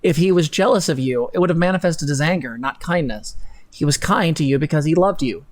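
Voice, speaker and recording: Brisk and a bit dark in tone, a man's mid-range voice delivers a mock-dramatic reading as co-host of a live stream. He's in an indoor room at a computer, theatrical and sarcastic, dropping into casual, sweary asides.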